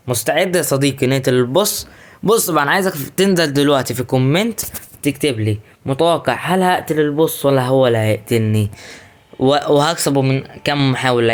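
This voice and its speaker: Young Egyptian man, rapid-fire gameplay commentary, excitable and chatty with viewers. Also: medium pitch, clean tone. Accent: Egyptian Arabic. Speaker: gaming YouTuber.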